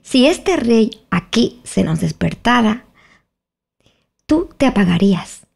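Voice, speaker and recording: Woman doing a smug twin brother, squeaky and high with some gravel, storybook reading. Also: sing-song, slow pace, darkish tone, exaggerated voice. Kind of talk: audiobook character voice.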